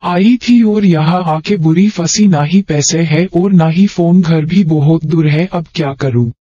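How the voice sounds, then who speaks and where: A man's voice: a little high, measured pace, dark tone, no room sound. A man voicing a brash young woman who flips between whiny pleading and cocky street slang, on a dull lo-fi recording. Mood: tearful.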